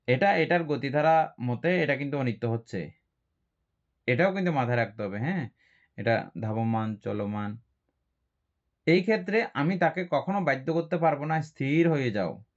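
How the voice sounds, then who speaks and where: A man's voice: a little high, expressive, moderate pace, long pauses. A man, a Buddhist monk, teaching dharma, explaining patiently and asking rhetorical questions. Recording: dull lo-fi recording.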